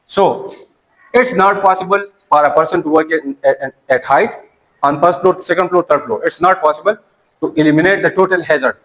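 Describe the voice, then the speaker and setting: A man's voice: a little high, brisk, fairly bright tone, rough recording. A man, an Urdu speaker, teaching a classroom lecture and often repeating and restarting his words.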